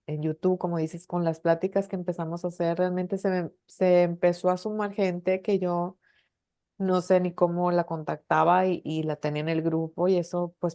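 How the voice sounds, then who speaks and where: A middle-aged woman with a Mexican Spanish accent speaks as an interview guest, sharing a personal testimony. Her voice sits a little low and sounds dark and mellow. She talks earnestly and haltingly, often restarting her sentences and adding tag questions.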